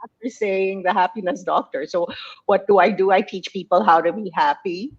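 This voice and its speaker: A woman guest coach answering interview questions in a warm, chatty way, laughing often and pausing with hesitations. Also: medium pitch, husky, highs cut off.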